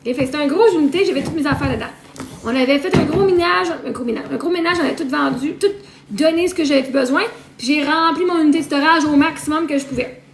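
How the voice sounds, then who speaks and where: Talking fast in a high voice, a Québécois French-accented woman rambles through a casual live stream chat, repeating herself and running through lists. Faint noise and roomy echo color the recording.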